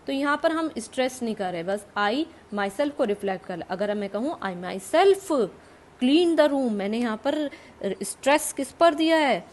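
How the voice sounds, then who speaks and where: A woman's voice: on the high side, a little hiss or hum. A woman teacher with an Indian English accent, explaining grammar to students in English and Hindi and repeating the key terms.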